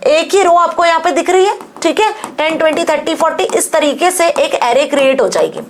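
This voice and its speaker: High-pitched female tutor; patient step-by-step lecturer who code-switches freely and keeps asking "understood?". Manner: explains step by step, checking understanding with repeated "okay?" and "understood?"; switches between Hindi and English mid-sentence. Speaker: computer science teacher. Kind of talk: classroom-style tutorial lecture.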